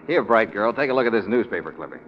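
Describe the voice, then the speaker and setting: An actor playing a sharp, wry private troubleshooter in a 1940s radio drama. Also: male voice, lowish voice, lively intonation, fairly quick, a little hiss or hum, close to an everyday voice. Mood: brisk, intrigued. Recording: dull vintage radio recording.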